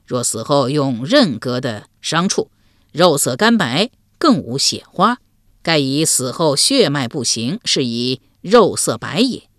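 A woman voicing a stern county magistrate who explains the evidence in a slow, measured, lecturing way. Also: mid-range voice, sing-song, fairly bright tone, dry recording, clean studio sound.

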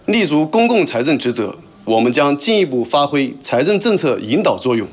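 A man's voice: a little high, sing-song, moderate pace. A man delivering a formal prepared statement as a government official.

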